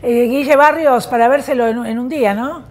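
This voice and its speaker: A woman's voice: high voice, fairly quick. A woman with an Argentine accent hosting a TV talk show, asking questions in an enthusiastic, effusive way. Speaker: TV host.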